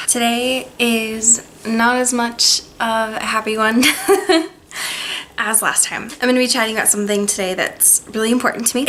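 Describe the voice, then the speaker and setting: A young woman talking to camera in a personal, reflective vlog, hesitant and soft-spoken, with pauses and restarts. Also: on the high side, a little hiss or hum, rough recording. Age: young adult. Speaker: vlogger.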